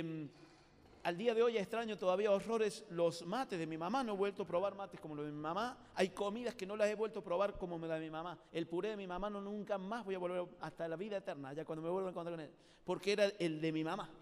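A man's voice: high voice, fast, darkish tone, clear, resonant tone. A man with an Argentine accent preaching a live sermon to a youth congress, telling stories in a chatty, colloquial way and addressing the audience directly. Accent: Argentine Spanish. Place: large hall at a youth congress. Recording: reverberant live hall recording.

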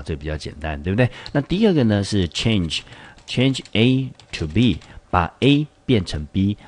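A man's voice: low-pitched, a little mellow. A man with a Taiwanese Mandarin accent teaching an English vocabulary lesson, explaining step by step with many rhetorical questions and filler sounds.

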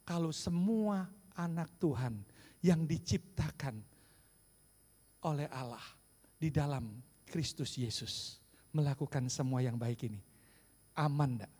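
Man, pastor preaching, high voice, long church reverb, animated and questioning. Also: takes it slowly, long pauses, breathy edge. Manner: animated preaching, calls to the congregation. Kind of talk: sermon. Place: large church hall.

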